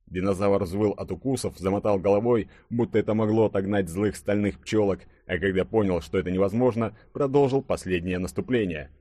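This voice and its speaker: Low-voiced male audiobook narrator. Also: brisk, few pauses, dark tone, dry recording, clean studio sound. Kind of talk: scripted narration.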